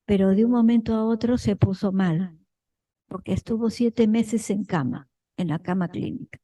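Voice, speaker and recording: A woman from a parish group telling her own story to the group at an unhurried pace. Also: mid-range voice, mellow, poor audio. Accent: Peruvian Spanish. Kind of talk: personal account in a group.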